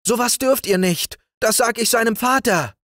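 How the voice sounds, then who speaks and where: A man's voice: very high voice, moderate pace, a bit bright, no echo, clean studio sound, pitched above the performer's own voice. A man voicing a fretful female maid who scolds, in a storybook reading. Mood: alarmed.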